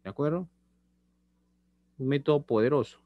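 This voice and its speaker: Picked up by a laptop webcam on a video call, a middle-aged man teaches chemistry from a small indoor room at a normal speed and in a mid-range voice. He keeps repeating phrases and checking on his students, and the sound is phone-quality with no room sound.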